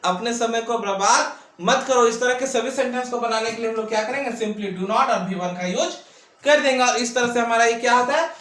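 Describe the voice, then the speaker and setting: A man's voice: extremely high pitch, brisk, fairly bright tone. A man teaching an English grammar lesson. He keeps asking his own questions and answering them, stretching out his words. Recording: echoey room, mic at a distance.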